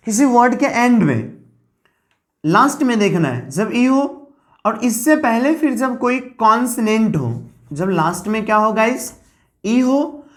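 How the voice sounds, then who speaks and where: A woman giving an English spelling lesson, spelling words out letter by letter and often addressing her students as "guys". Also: on the high side. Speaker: English teacher. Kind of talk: classroom lesson explaining spelling rules.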